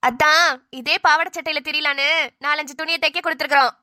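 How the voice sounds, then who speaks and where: Cartoon granny, high bright voice, dry sound. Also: female voice, steady tone, no echo. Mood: teasing. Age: older. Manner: chatty, fretting, quick rambling talk. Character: older village grandmother, fussy and protective. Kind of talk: cartoon voice acting.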